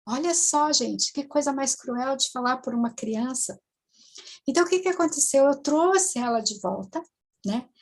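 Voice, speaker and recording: Woman, hypnotherapist, halting case story, fairly high voice. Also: animated. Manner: halting, many tag questions and restarts. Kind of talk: storytelling lecture to students.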